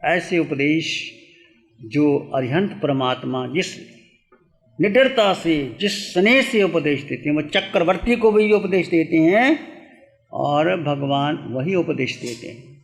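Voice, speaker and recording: Jain monk preacher, male, unhurried measured delivery, gravel in the voice, slightly high-pitched, emphatic swells between hushed meditation cues. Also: animated, long reverb tail. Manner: slow and deliberate, with emphatic rising phrases; soft, hushed delivery when guiding meditation. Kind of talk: Hindi sermon and guided meditation.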